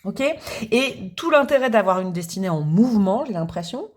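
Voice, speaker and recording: A woman's voice: mid-range voice, lively intonation, normal speed. A woman doing a tarot reading for the viewer, chatty and thinking aloud, with restarts and little hummed sounds. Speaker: tarot reader.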